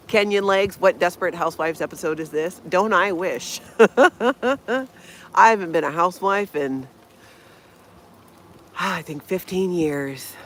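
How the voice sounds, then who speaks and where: A woman in her fifties from Hawaii hosts a casual live stream outdoors in a snowy Minnesota backyard, chatting, laughing often and greeting viewers by name as she reads their comments. Her voice is on the low side with a fairly bright tone, and there's slight background noise.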